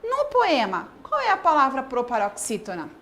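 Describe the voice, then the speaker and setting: A woman teacher from Brazil giving an online grammar lesson, dictating words slowly and asking the class questions. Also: high-pitched, wildly swooping pitch, a bit bright. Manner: slow, drawn-out word-by-word dictation.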